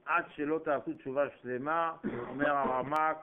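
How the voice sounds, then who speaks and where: High-voiced man preaching, tinny recording. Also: steady tone, smooth. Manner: dramatic storytelling, acting out voices with sudden pitch jumps. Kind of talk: sermon.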